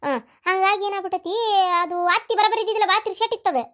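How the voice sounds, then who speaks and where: A cartoon village gossip with a North Karnataka Kannada accent, voiced by a performer. Her voice is squeaky and very high. She pesters and teases her neighbours to get the story out of them. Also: pushed and bright. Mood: nosy. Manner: nosy, pestering, quick to tease. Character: chatty village woman back from the city. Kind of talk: cartoon comedy voice acting.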